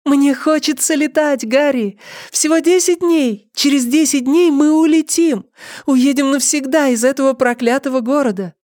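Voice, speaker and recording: A playful, dreamy young woman voiced by a man reading aloud in a high falsetto. She sounds excited, with a lively rising pitch. Dry, close audiobook recording. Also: fairly quick, few pauses, no echo, heavily acted.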